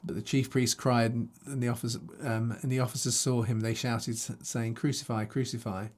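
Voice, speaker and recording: A man's voice: medium pitch, flat delivery, a little fast, darkish tone. A man reading scripture aloud and teaching on it in a conversational way, thinking aloud with restarts, recording himself to a video camera. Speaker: Bible teacher. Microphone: self-recorded to a video camera.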